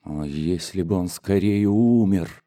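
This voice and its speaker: A man's voice: mid-range voice, level tone, normal speed, lightly acted. A man voicing a passionate, anguished woman in an audiobook of a classic novel, exclaiming and at times whispering. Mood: grim whisper. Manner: exclaiming, then a hushed whisper.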